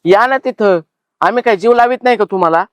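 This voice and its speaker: A man's voice: sits high, fast, clean tone, dry recording, lightly acted. A man playing a caring stepson who has come to take his old father home. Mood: earnest. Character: earnest caring young stepson, firm and protective. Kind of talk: village family drama acting.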